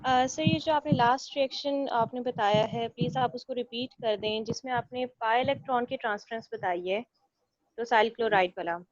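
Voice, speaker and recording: A woman's voice: a little high, rapid-fire, no room sound. A woman student with a North Indian accent, politely and deferentially asking a question in class. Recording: dry, dull muffled audio.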